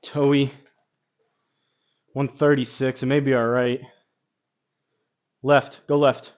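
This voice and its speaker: A man giving casual golf simulator commentary, rambling as he thinks out loud. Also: medium pitch, level tone, takes it slowly, highs cut off.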